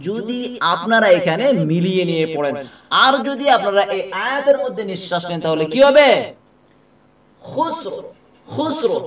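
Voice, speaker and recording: A man teaching Quran reading, spelling out words letter by letter, asking questions and answering them himself, and slowly chanting the verses. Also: high voice, a bit bright, reverberant, recorded from a distance. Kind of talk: spelling out a recitation lesson.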